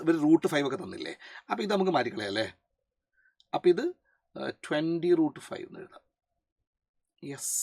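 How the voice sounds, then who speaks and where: Working through a physics problem, a teacher with a Malayali accent speaks in a medium-pitched voice, explaining, dropping into English for technical vocabulary and often posing short check questions. There is very little room echo in the dry recording.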